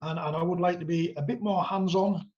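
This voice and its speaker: A man speaking as a town councillor in a meeting over a video call. His remarks are courteous and halting, with frequent pauses. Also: sits high, steady tone, a little mellow. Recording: dull lo-fi video call audio.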